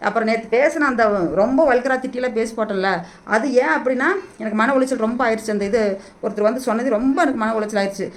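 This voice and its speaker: A middle-aged woman vlogging into a hand-held phone, making an emotional, repetitive plea to be paid back. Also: a little high. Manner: pleading, repetitive, rapid-fire and agitated. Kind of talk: emotional direct-to-camera plea.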